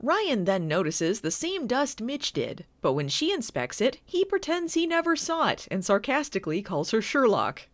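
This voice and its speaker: A woman recapping a TV episode with sarcastic, deadpan asides. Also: on the high side, moderate pace, hardly any pauses, no room sound. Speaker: video reviewer. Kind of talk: comedic recap narration.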